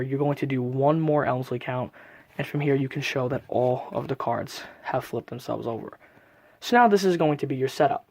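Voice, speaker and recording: A man's voice: mid-range voice, no room sound. A man giving a casual, methodical step-by-step card trick tutorial, often recapping as he goes. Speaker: magic tutorial presenter.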